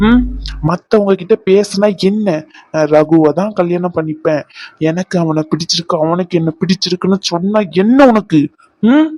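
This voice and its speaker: A man's voice: high voice, noisy background, lightly acted. A man voicing an insistent, devoted young man in a cartoon, demanding answers. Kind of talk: cartoon voice acting.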